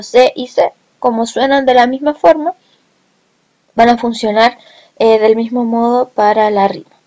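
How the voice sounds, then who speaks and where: A woman teaching a recorded lesson, speaking slowly and deliberately and drawing out example words. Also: sits high, darkish tone. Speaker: language teacher.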